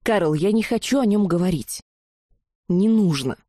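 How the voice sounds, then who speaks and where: A woman voicing a shy young male mage with a deep bass voice, speaking quietly. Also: animated, measured pace, no echo, studio quality. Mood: calm. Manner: quiet and uneasy.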